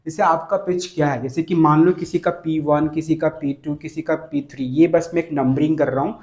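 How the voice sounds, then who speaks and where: A man coaching on voice in a casual spoken lesson, with a slightly high voice. He keeps repeating his points and asks quick rhetorical questions. The sound carries a roomy echo. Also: fairly even intonation, darkish tone. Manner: repetitive, rhetorical questions to the viewer. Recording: echoey room.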